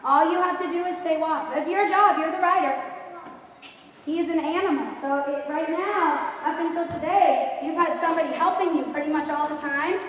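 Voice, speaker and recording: A woman with a high voice teaches riding in brisk, projected commands. She is firm and instructive, putting questions to her pupil. The sound is distant and very reverberant, as in a large arena, with some faint noise behind her. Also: fairly bright tone. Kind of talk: live riding lesson coaching. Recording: echoey hall, distant mic, background noise.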